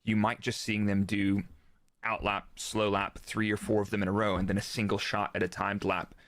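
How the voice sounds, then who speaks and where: As a guest expert in a live interview, a man who formerly worked as a Formula 1 performance engineer delivers casual, explanatory technical analysis of motorsport, using quoted remarks along the way. His delivery is completely flat at normal speed, his voice on the low side and a bit bright, in clean studio sound with no echo.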